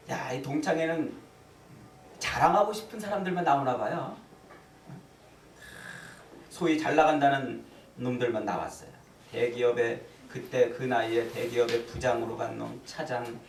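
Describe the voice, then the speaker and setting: Dramatic preacher in an echoey church. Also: male voice, mid-range voice, vocal fry, a little hiss or hum. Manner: storytelling, dramatic swings from loud exclamations to hushed asides. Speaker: pastor. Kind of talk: sermon. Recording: echoey hall, voice from far off, faint ambience.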